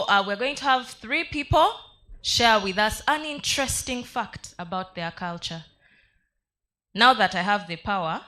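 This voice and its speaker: A woman's voice: mid-range voice, pushed and bright. A woman with a Ugandan accent informally hosting a live audience, playfully coaxing people to take part. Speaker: event host.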